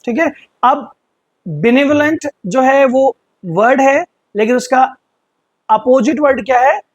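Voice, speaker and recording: A man teaching English vocabulary in Hindi, explaining patiently and slowly repeating words for pronunciation. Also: very high voice, dry recording, muffled recording. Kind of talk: vocabulary lesson.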